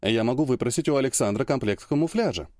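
A man reading an audiobook, voicing a calm, modest priestess woman who speaks slowly and precisely. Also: mid-range voice, dry recording, studio quality, close to an everyday voice. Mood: matter-of-fact.

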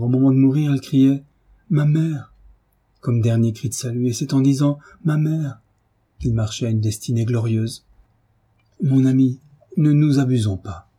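A man's voice: mid-range voice, steady tone, moderate pace, mellow, slightly rough, lightly acted. A man reading the part of a dying young mother, tender and devoted, in an audiobook. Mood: tender, sorrowful.

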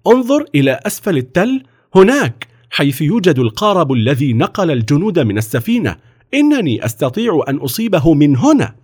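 A man's voice: fairly high pitch, big pitch swings, fast, a little mellow, breathy edge, voice pushed up. Man doing eager pleading young boy. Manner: pleading, insistent, flustered. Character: eager determined short peasant boy.

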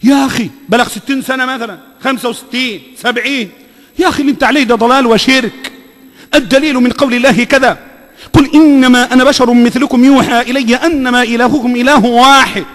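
High-voiced Egyptian preacher in a hall. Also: male voice, fairly even intonation, fast, fairly bright tone. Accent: Egyptian Arabic. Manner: emphatic, repeats phrases, quizzes the audience. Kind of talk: sermon.

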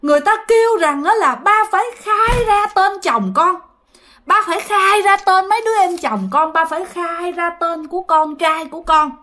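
A woman voicing the ghost of a tormented old grandfather speaking through a medium, in a raspy, hoarse voice that pleads, wails and repeats itself. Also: very high voice, moderate pace, pushed and bright, voice pushed up. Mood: pleading. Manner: pleading, wailing, repetitive.

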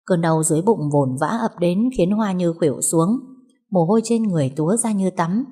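A woman narrating a novel as an audiobook, reading it in an expressive, dramatic way. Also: fairly low pitch, normal speed, breathy edge. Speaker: storyteller.

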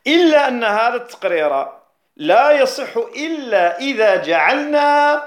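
A man, a jurist, explaining a classical poem on rhetoric in a recorded lesson, repeating key phrases and slowing down on technical terms. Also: very high-pitched. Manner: slows down to stress technical terms. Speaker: Islamic jurist teaching rhetoric.

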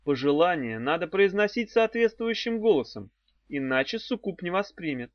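A man narrating an audiobook in a lively, animated storytelling manner. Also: high-pitched, moderate pace, dry recording. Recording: dull, dry lo-fi audiobook recording.

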